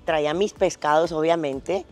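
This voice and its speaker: Speaking a little slowly in a low-pitched voice, a fitness vlogger laughs and chats her way through a travel story as she walks outside at a tropical resort. Soft background music accompanies this casual travel vlog, captured on a lapel mic.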